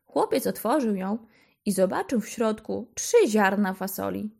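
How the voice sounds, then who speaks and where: Slow, gentle woman storyteller. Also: mid-range voice, lively intonation, gravelly. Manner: gentle, unhurried narration. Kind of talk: reading a fairy tale to children.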